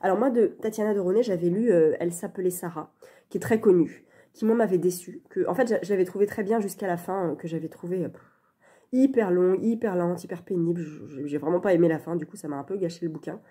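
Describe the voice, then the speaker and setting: A woman's voice: fairly low pitch, fast, mellow, husky. A woman chatting casually in a reading vlog, talking into her phone with many fillers and restarts. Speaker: book vlogger. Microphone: phone camera. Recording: phone on a stand, dim light.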